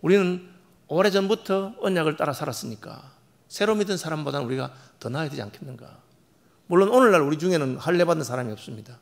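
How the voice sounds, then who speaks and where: Male pastor, sermon, rapid delivery, gravelly voice, rhetorical questions, parable storytelling. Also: medium pitch. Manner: emphatic, asks the congregation questions and answers them; retells parables, acting out the characters' lines. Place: church sanctuary.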